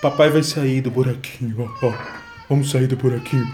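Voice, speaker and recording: A man's voice: mid-range voice, steady tone, brisk, background noise. A young man commenting on a game for his viewers while soothing his baby daughter, slipping into cooing baby talk between remarks. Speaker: gaming video creator.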